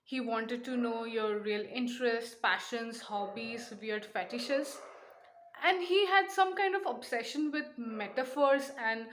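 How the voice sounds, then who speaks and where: Young woman vlogger, fairly high voice, eager and chatty book review. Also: a bit bright. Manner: enthusiastic, chatty, with frequent fillers and laughs. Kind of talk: casual book review vlog.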